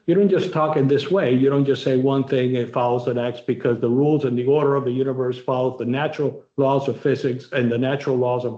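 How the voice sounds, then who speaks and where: A man lecturing students on moot court advocacy, emphatic and repetitive, slowing right down to stress key points. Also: mid-range voice, dark tone, echoey room, muffled recording. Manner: emphatic, repetitive, direct coaching; varies pace, slowing sharply for emphasis.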